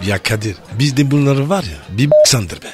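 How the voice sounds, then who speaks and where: A man co-hosting a radio comedy show, playful and needling, quick to laugh. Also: mid-range voice, expressive, very noisy. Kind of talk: comic banter.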